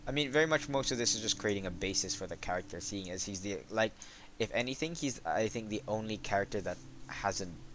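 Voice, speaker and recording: A man hosting a casual chat about developing a game, talking in a monotone with lots of halting fillers. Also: lowish voice, a crowd in the background.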